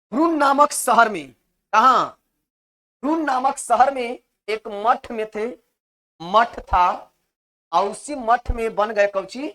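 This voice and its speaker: A woman lecturing a biology class, repeating points and asking questions she answers herself. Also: mid-range voice. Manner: repetitive, emphatic explaining. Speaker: biology teacher.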